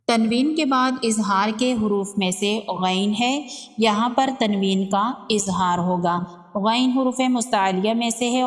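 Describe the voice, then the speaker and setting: A woman teaching Quran recitation rules step by step, explaining each rule calmly and reciting verses slowly with drawn-out sounds. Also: mid-range voice. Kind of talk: tajweed lesson with slow recitation. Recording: long reverb.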